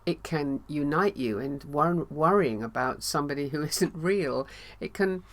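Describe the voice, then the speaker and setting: A woman's voice: low-pitched, measured pace. Reflective woman in casual chat. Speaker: podcast co-host.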